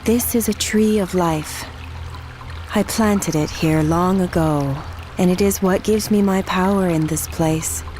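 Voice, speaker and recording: A woman playing a soft, confident night hag who guides in measured, formal speech in a fantasy video game. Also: on the low side, a little hiss or hum, close to an everyday voice. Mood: calm, confident.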